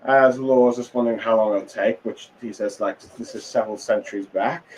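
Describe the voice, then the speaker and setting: A man's voice: fairly low pitch, steady tone, brisk, a little mellow, slight background noise, poor audio. A tired man casually recapping a comic chapter, rambling with many fillers and restarts. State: tired, yawning. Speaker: manga reviewer.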